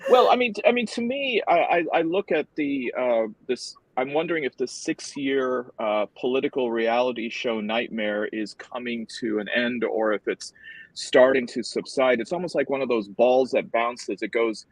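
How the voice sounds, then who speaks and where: A man moderating a political panel as host, with wordy, halting phrasing. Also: medium pitch, fairly even intonation, no room sound, rough recording.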